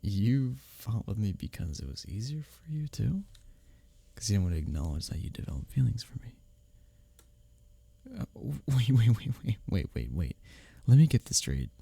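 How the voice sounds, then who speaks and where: Playing a teasing workplace rival who is clearly smitten, this man speaks in an intimate romantic roleplay with a husky, breathy, halting voice that keeps slipping toward a whisper. The voice is lowish and warm, with big pitch swings and an exaggerated style, captured in a dry recording. He comes across as incredulous and excited.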